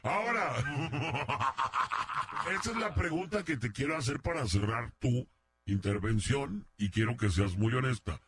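A man's voice: medium pitch, lively intonation, normal speed. A man hosting a comic radio show who grills a caller in a theatrical, mock-scandalized way. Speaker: radio host. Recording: loud hum behind.

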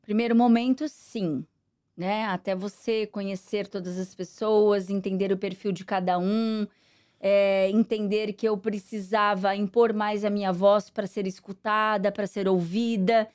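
A middle-aged woman with a Brazilian Portuguese accent, answering interview questions in an earnest, measured way with many fillers. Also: mid-range voice, steady tone, a little mellow. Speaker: interview guest, politician. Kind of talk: conversational interview.

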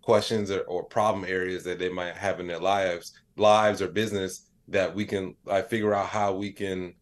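As a guest on a podcast, an American comedian and AI educator chats casually at normal speed, his voice sitting low. He spins animated stories, voices the lines of people he quotes, and leans heavily on "like" and "you know."

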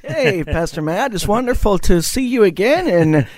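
A man's voice: high-pitched, sing-song, moderate pace, darkish tone, no room sound. Male guest pastor from Costa Rica, earnest storyteller, dry studio sound. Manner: earnest, storytelling, many fillers. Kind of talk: radio interview testimony.

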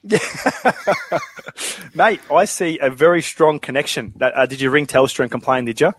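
A man's voice: mid-range voice, brisk. A man hosting a casual sports podcast, laid-back, with lots of fillers and laughter. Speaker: podcast host.

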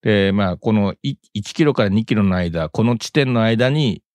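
A man's voice: lowish voice, animated, normal speed, a little mellow, no echo. A man hosting a casual radio talk show in a studio, rambling along with chuckles and many filler sounds.

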